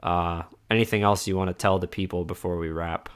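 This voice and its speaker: A man with a deep, clear, resonant voice and fairly even intonation speaks briskly as he hosts a casual streamed podcast. He rambles while wrapping up with his guest, often restarting and using fillers.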